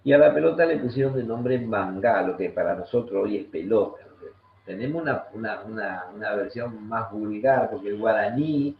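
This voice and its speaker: Patient, low-voiced Argentine man teaching. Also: moderate pace, creaky. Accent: Argentine Spanish. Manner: patient, didactic, repeats key words rhythmically. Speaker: guest teacher of Guaraní language and culture. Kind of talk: explanatory talk in an online discussion. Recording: echoey muffled room with faint noise.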